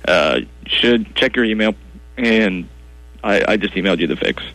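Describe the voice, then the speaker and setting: A man's voice: on the low side, animated, a bit bright, rough recording. A man playing a clueless, defensive tech support guy who sighs and gets baffled by simple questions. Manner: slow, baffled, defensive, sighing. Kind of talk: comedy sketch acting.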